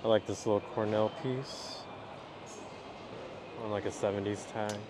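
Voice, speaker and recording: A man's voice: lowish voice, measured pace, background noise. A man casually narrating as he browses stalls at an outdoor flea market, chatting about vintage finds. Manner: relaxed, chatty running commentary while browsing. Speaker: vlogger.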